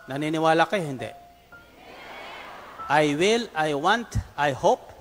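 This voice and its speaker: A male preacher works the congregation with emphatic, call-and-response preaching. His voice sits high for a man, and it rings through a large hall with long reverb. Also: animated, takes it slowly, soft background music.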